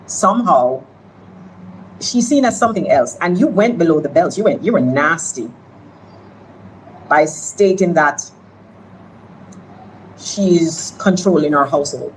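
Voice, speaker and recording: A woman giving a parliamentary speech, slow and deliberate, lecturing a fellow member. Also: low-pitched, expressive, a little hiss or hum, poor audio.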